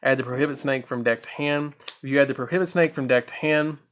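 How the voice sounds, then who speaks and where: A man talks viewers through testing a card game deck, thinking aloud as he plays. His voice sits in a middle pitch, with ums and half-finished lines along the way. The recording is a bit dull and lo-fi. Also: steady tone, fast. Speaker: card game content creator. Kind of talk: casual gameplay walkthrough.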